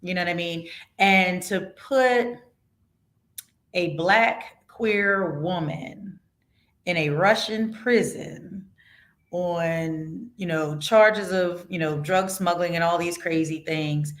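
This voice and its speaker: A woman's voice: lowish voice, slow pace, fairly bright tone. A woman hosting a podcast conversation, talking casually and emphatically, swearing freely as she shares strong opinions. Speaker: podcast host.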